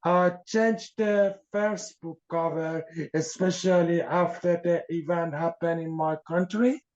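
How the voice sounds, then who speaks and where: A man from Iran, an author being interviewed, speaking haltingly with frequent fillers as he searches for words. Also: on the high side, darkish tone. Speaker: author guest. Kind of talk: podcast interview. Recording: dull lo-fi sound.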